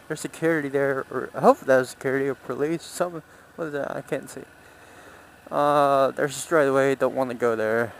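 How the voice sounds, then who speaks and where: Riding a motorcycle through the city outdoors, a vlogger offers relaxed, wandering commentary, thinking aloud along the way. His voice is a man's, fairly high with vocal fry, and there's a little hiss or hum.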